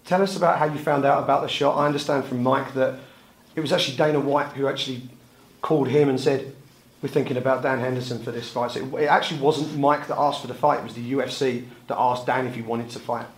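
A male sports interviewer asks long, detailed questions. His voice sits at an ordinary pitch. The room around him echoes noticeably. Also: steady tone, fast talker.

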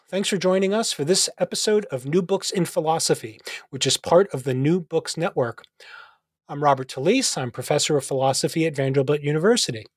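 Measured male podcast host, dry sound. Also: a little high, no room sound. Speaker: podcast host, philosophy professor. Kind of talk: scripted introduction then interview.

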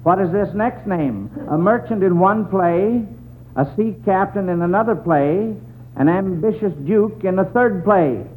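A man's voice: high-pitched, a little slow. An American man hosting a 1940s radio quiz, reading questions in folksy schoolmaster patter on a tinny, noisy old broadcast. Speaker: quiz show host.

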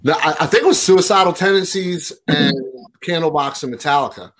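A man's voice: on the high side, fairly quick, fairly bright tone. A man in his forties chatting casually on a podcast, telling rambling stories full of fillers. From Maryland, USA. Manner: rambling, filler-heavy storytelling. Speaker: podcast co-host. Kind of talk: casual chat.

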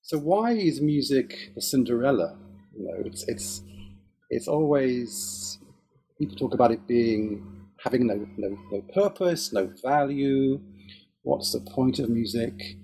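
Interviewed casually about his musical life, this musician and academic, born to Hebrew and raised in England after early years in Israel, speaks English with an English accent, thoughtful and hesitant with many restarts. His mid-range voice is mellow with a breathy edge and lively intonation, a little slow, and the audio is poor.

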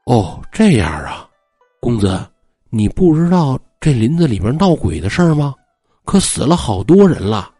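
A man voicing a playful, coaxing young forest maiden who may be a ghost, in a husky voice. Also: mid-range voice, sing-song, normal speed, dark tone, no echo, faint music behind. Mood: curious. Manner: playful, coaxing, mock-spooky.

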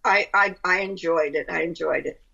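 A dull, lo-fi recording of a woman with a Brooklyn accent and a slightly low voice. She talks casually as a guest, rambling along and circling back over her own phrases. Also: moderate pace, creaky, bright, forceful tone. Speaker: interview guest, author. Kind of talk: casual chat. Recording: dull lo-fi line.

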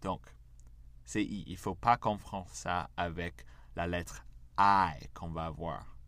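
A man's voice: low voice, steady tone, slow, fairly bright tone, no echo. An American man with an American accent, patiently giving a language lesson and drilling letters for learners to repeat. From United States. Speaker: English teacher.

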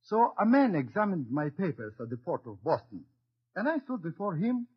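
A husky, animated immigrant storyteller. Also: male voice, on the high side, normal speed, exaggerated voice. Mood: earnest recollection. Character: earnest Lebanese immigrant man recalling his village. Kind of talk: 1940s radio drama monologue. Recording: muffled old 1940s radio broadcast.

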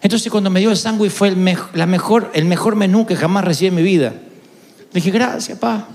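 A man preaches with an Argentine accent, his voice high-pitched, fairly quick and darkish in tone. He shares an amusing personal anecdote as a sermon, playfully acting out the voices in it.

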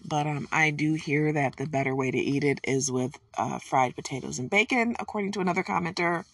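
Low-pitched and fairly bright, this Detroit woman talks fairly quickly while cooking at home, joking corny and laughing at her own asides in a relaxed, folksy manner. The recording is dry, picked up from a distant mic with guitar music in the background.

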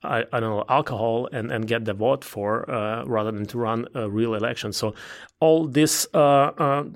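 A man with an Eastern European, Belarusian-born voice speaks as an interview guest. His voice is mid-pitched with a gravelly creak. He explains in halting phrases, often repeating a word before moving on. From Belarus, Ukraine and Russia. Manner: halting, repeats words while searching for phrasing. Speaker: interview guest, political campaign consultant.

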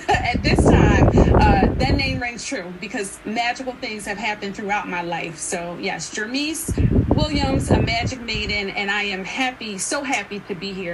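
A woman in her fifties, a radio guest telling a story in an earnest, expressive way. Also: medium pitch. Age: 50s. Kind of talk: call-in radio talk. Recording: loud noisy line.

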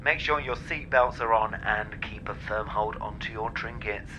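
A man putting on the voice of a calm airline captain making an announcement over the intercom, in a mock-formal announcer delivery. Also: fairly low pitch, normal speed, a little hiss or hum. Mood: mock-serious.

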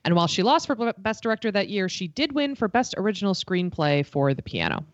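A woman's voice: medium pitch, very animated, fairly quick, no room sound, highs cut off. A woman with an upstate New York accent from Buffalo, hosting trivia and reading out answers amid casual banter. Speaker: trivia quiz host.

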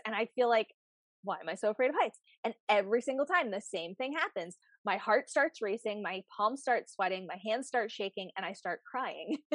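Chatty American woman, bright and dry. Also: fairly high pitch, no room sound. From United States. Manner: chatty, animated storytelling. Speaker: podcast host. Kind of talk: casual interview chat.

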